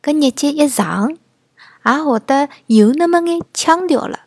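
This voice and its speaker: A woman with a Shanghai accent, telling a children's story as a lively scripted host. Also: sits high, a little slow, no echo, studio quality. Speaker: host and storyteller of a children's family education show. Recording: music bed behind the voice. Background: music.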